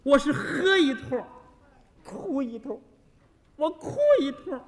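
高嗓门的男相声演员. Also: male voice, very high-pitched, takes it slowly. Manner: lively punchline delivery, acts out scenes. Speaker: lead crosstalk comedian. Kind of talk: crosstalk comedy storytelling. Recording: stage hall reverb.

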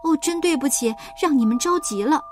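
A woman's voice: high voice, very animated, normal speed, a bit bright, faint music behind, pitched above the performer's own voice. A woman voicing a cheerful, easygoing young snake who talks in a breezy, apologetic way.

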